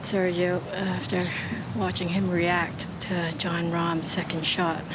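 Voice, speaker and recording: A man's voice: high voice, completely flat delivery, takes it slowly. A man giving live on-course golf commentary. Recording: loud wind and outdoor noise.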